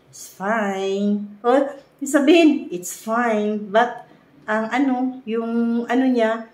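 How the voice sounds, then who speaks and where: A woman's voice: fairly high pitch, slow pace, darkish tone, reverberant. A Filipino woman giving casual relationship advice to her viewers, mixing Tagalog and English and often asking "di ba?". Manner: mixes Tagalog and English, frequent "guys, no?" and "di ba?" tags, laughs often. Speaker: vlogger.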